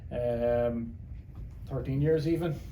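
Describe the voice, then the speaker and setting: A man's voice: medium pitch, takes it slowly, echoey room, crowd noise, rough recording. A middle-aged man with a Cork Irish accent, chatting as an interview guest and rambling with repeated words. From Ireland. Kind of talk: casual interview chat.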